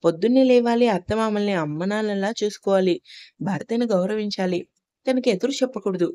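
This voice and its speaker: A woman voicing a caring middle-aged mother who gently advises her daughter in an audio story. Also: medium pitch, a little fast, no echo, natural voice. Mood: tender advice.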